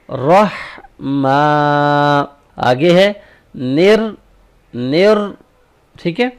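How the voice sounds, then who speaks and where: A man teaching Quran recitation in a slightly higher voice, explaining each sound patiently. He walks through every step and keeps pausing to ask if the listener follows. He often stretches a phrase into a slow, drawn-out recitation. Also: a little mellow. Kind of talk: tajweed lesson.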